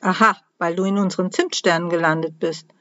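A woman voicing a calm, kind young girl who talks in a reassuring, gentle way, in a dull, dry recording. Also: on the low side, fairly quick, no echo, natural voice.

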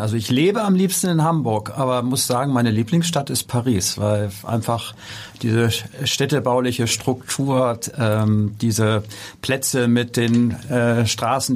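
Hesitant middle-aged man. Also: medium pitch. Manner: thoughtful, hesitant with many fillers. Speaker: guest, construction company executive. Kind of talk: interview answers. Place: podcast studio.

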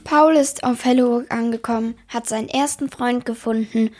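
A woman's voice: a little high, steady tone, moderate pace, a little mellow, faint music behind. A woman hosting a book reading, introducing passages in a friendly, explaining way. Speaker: host.

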